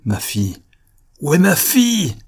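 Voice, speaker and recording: A man reading an audiobook, voicing a proud, outraged aristocratic father who shouts his demands. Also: on the low side, normal speed, slightly rough. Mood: enraged. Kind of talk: audiobook reading of a 19th-century novel.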